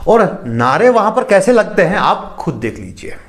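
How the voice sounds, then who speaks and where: A man's voice: sits high, very animated, moderate pace, vocal fry. A man hosting a critical commentary video, speaking in a mocking, sarcastic way. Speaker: online commentator.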